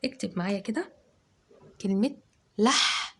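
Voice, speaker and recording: A woman teacher with an Egyptian accent, giving a dictation lesson to children and sounding words out syllable by syllable, loud and drawn out. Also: medium pitch, expressive, normal speed, breathy edge. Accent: Egyptian Arabic.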